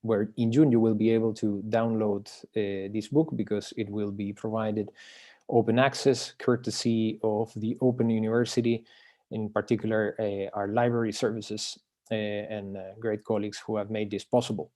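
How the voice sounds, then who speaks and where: A man's voice: fairly low pitch, flat delivery, normal speed, mellow. Hesitant man presenting his book. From Chile. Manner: hesitant, frequent filler sounds and restarts. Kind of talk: online academic presentation. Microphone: video call.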